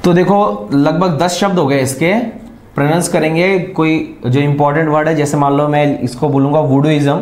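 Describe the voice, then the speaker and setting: A man's voice: fairly high pitch, steady tone, moderate pace, darkish tone, roomy sound. A man teaching an exam-prep vocabulary lesson, repeating each word and quizzing viewers with questions.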